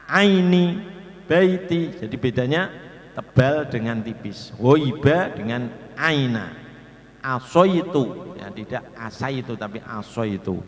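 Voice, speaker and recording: A man with an Indonesian accent teaches Quran reading, stretching each Arabic sound slowly so learners can hear it. He speaks at an unhurried pace with a mid-range voice. The recording carries the long, roomy reverb of a hall. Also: medium pitch, fairly bright tone. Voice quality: slow, drawn-out demonstration of Arabic sounds.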